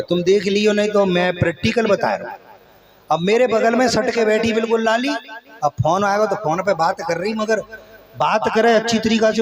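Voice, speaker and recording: High-voiced male comedian telling a story. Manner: chatty rustic storytelling, addresses audience. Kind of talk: live stand-up storytelling.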